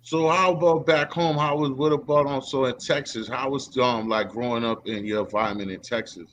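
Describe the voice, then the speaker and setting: A man's voice: mid-range voice, steady tone, a little fast, fairly bright tone, slight background noise. A man hosting a casual interview, talking in a loose, rambling way with lots of fillers. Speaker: host.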